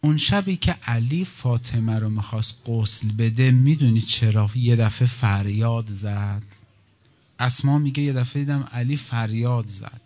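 A man preaching a religious sermon, moving between brisk storytelling and slow, grieving lament. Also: mid-range voice, a little mellow. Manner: swings from fast telling to slow, wailing lament. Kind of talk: sermon with mourning recitation.

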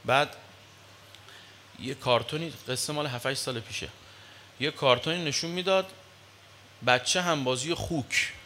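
A man preaching a sermon in an animated way, dropping to low murmurs and rising to loud exclamations. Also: pauses often, slight background noise.

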